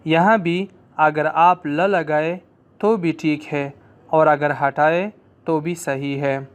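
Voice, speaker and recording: A man with an Urdu accent teaching a language lesson, explaining slowly and repeating phrases for students to drill. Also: a little high, clean tone.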